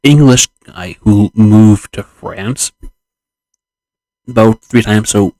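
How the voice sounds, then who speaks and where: Brief: male streamer, low voice, very slow, laid-back explanations. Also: warm tone, dry recording, rough recording. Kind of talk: casual chat.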